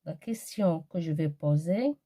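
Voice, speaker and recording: Female primary teacher, grammar lesson, unhurried careful delivery, soft dark tone. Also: sits low, lively intonation. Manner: slow, careful, spelling out example sentences. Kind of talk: grammar lesson for young children.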